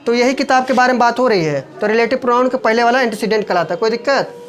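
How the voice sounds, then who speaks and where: A man teaching English grammar in with a lilt, who keeps checking the class with quick questions. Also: very high-pitched, soft background music, rough recording.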